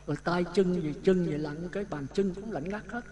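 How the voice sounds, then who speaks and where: High-voiced Southern Vietnamese monk storyteller. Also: male voice, fairly quick, slight background noise. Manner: lively anecdotal telling, acts out dialogue. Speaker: Buddhist monk giving a dharma talk. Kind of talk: storytelling sermon. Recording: talk with audience sounds behind. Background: listeners laughing.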